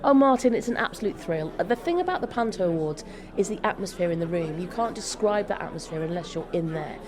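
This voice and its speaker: A woman who is joint chief executive of a theatre company gives an effusive, emphatic interview. Her voice is lowish, animated and quick, with busy event-crowd chatter behind her.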